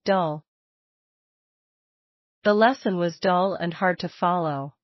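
Slow, carefully spaced reading of vocabulary words and sample sentences comes from a woman whose voice is low for a woman. The audio is dry and a little dull, with muted highs, little room and no room sound.

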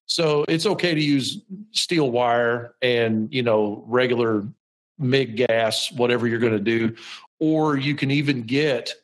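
A man's voice: medium pitch, measured pace, rough recording. A middle-aged man hosting a podcast from his metal shop, explaining welding in a rambling, self-deprecating way with lots of ums and restarts. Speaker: podcast host. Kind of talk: casual how-to talk.

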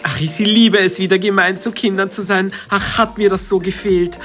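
A storyteller doing a mean woman teacher who scolds everyone, with soft music under it. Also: medium pitch, fairly even intonation, moderate pace, lightly acted. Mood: gloating. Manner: scolding, gleefully cruel. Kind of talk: storybook role-play voices.

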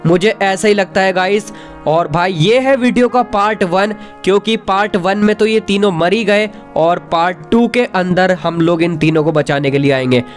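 A young man giving excitable, chatty game commentary voice-over, talking straight to his viewers. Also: high-pitched. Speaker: gaming video creator. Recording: faint background music.

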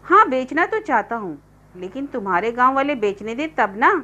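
A woman's voice: a little high, sing-song, normal speed, pushed and bright. A woman voicing a stubborn, defensive middle-aged village man in a story reading. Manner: defensive, dismissive retorts. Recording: dull lo-fi recording.

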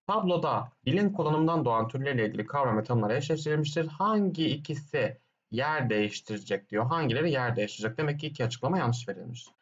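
Man, teacher, exam question walkthrough, asks and answers his own questions, slightly muffled recording. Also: fairly high pitch. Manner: explains step by step, asks himself questions and answers them; hums "dın dın dın" between points.

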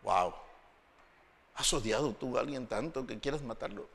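A man's voice: mid-range voice, expressive, moderate pace, creaky, a bit bright, big-room sound, slight background noise. A male pastor preaching a sermon, telling a story dramatically and acting out the characters' voices.

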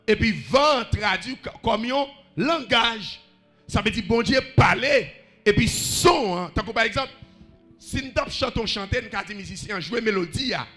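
A man's voice: sits high, pushed and bright. A man with a Haitian accent preaching a sermon, rhythmically calling out questions to the congregation.

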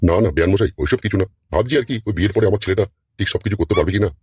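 A man voicing a crude, scheming middle-aged widower in a Bengali comedy cartoon, talking rapidly in muttered asides. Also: lowish voice, a little mellow, a little hiss or hum, lightly acted. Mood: smooth-talking.

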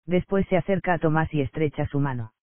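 Un hombre que lee en voz alta una obra de teatro, incluidas las acotaciones, con tono llano y parejo. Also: male voice, fairly high pitch, fast, dry recording. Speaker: audiobook narrator. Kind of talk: reading a stage play aloud. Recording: dry, tinny phone-like sound.

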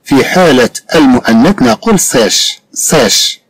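Man, Moroccan Arabic accent, teacher, lively pitch, husky tone, repeats each sound. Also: no echo, low-quality recording. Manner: patient, repeats sounds and examples slowly. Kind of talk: French phonics lesson explained in Moroccan Arabic.

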